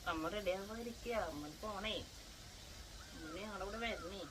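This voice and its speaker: A woman's voice: medium pitch, normal speed, background noise. A woman filming a casual home vlog, coaxing and playfully scolding her pet while she dresses it indoors. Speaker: pet vlogger.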